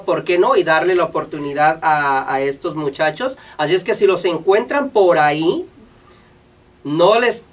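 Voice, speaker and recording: A man hosting a television show, presenting segments in a relaxed, chatty way. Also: fairly high pitch, far from the mic. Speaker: TV show host.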